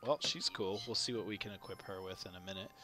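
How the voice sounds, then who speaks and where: A man's voice: low-pitched, fast talker, pushed and bright, faint music behind. A man giving casual, wry running commentary while streaming a video game, reacting aloud to each result.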